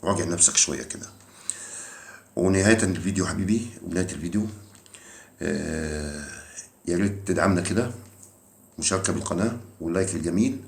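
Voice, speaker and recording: A man's voice: low voice, very fast. A man with an Egyptian accent giving a heated, teasing football rant, mocking and repeating himself for emphasis. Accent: Egyptian Arabic. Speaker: football commentary vlogger. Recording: echoey room.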